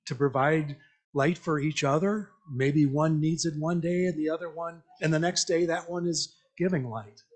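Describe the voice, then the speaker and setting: Speaking to a congregation at a church meeting, a man with a slightly high voice delivers an interactive message at a moderate pace and with fairly even intonation. He's conversational and reflective, asking the congregation questions and repeating their answers back.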